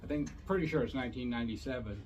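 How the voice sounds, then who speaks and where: A man's voice: mid-range voice, very fast, slight background noise. An older man hosting a casual explainer, talking in an informal, matter-of-fact way. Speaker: host of a motorcycle safety series.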